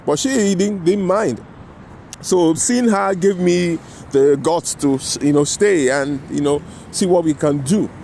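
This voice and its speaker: Vlogger, male, slightly high voice, casual rambling storyteller outdoors with faint traffic behind. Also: slow, gravelly, dark tone. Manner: rambling, frequent "you know" and "right?" tags. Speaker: vlogger telling a personal story.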